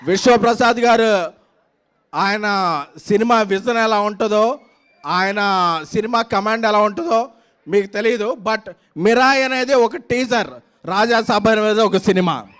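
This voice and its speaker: A man's voice pitched extremely high. He delivers a promotional speech at a film event in an emphatic, declamatory way. His phrases come in punchy, repeated runs that build up like slogans. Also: a little slow, pauses often, a bit bright, clear, resonant tone. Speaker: film producer giving a speech.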